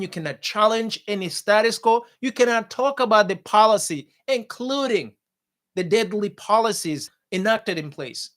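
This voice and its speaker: Fired-up man with a high voice. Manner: forceful, repetitive, addresses viewers as guys. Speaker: talk show host. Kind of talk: impassioned political commentary. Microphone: studio mic.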